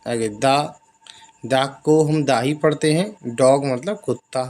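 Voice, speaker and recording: A man teaching basic English in Hindi, explaining each example and repeating the phrases slowly. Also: mid-range voice, darkish tone. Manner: slow, drawn-out repetition of example phrases.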